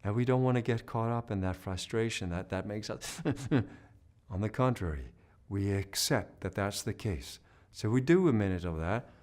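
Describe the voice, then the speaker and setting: A singing teacher whose voice sits on the low side, with a darkish tone, talks at a moderate pace in an online lesson. He explains patiently and checks in with "right?", demonstrating hoarse and humming sounds in the middle of explanations.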